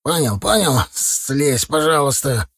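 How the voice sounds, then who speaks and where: A whiny young bully's voice, put on by a male narrator, pitched well above his own and strained by wheezing. He pleads and blusters in turn, heard in an audiobook scene. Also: lively intonation, takes it slowly, vocal fry, a bit bright, husky, exaggerated voice. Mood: pleading.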